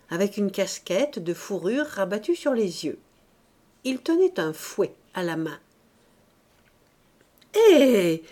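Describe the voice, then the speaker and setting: A woman reading a classic novel aloud as an audiobook narrator, measured and expressive. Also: fairly low pitch. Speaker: audiobook reader.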